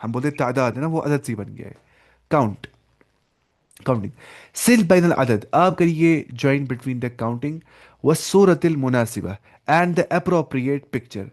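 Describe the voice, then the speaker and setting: Patient man teaching an online class over a video call, slow repetition, mid-pitched voice. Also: a little mellow. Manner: patient, repeats each word slowly for the student. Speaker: Arabic teacher.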